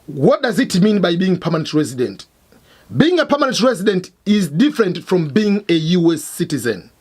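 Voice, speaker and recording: Husky lively Tanzanian-born man explaining. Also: sits high, moderate pace. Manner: emphatic, repetitive teaching. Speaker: host. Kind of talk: explainer lesson. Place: Missouri, United States.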